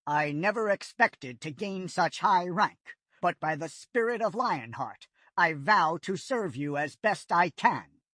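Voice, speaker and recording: A woman voicing a proud, ambitious male warrior cat in a storybook, speaking gravely and formally. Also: on the low side, animated, unhurried, few pauses, a bit bright, no room sound, studio quality.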